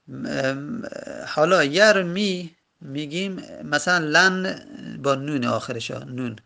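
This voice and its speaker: A man teaching a grammar lesson, slowly drawing out example words and stopping to correct his own slips. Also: a little high, creaky, pushed and bright. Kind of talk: explaining lesson.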